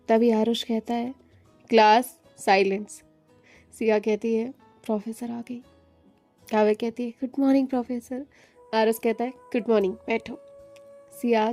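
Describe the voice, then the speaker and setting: A woman narrating a family story in a steady, plain reading voice. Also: fairly high pitch.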